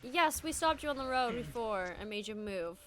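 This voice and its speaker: Bright, high-voiced woman playing tabletop. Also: animated, normal speed. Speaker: tabletop game player. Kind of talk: casual playful chat.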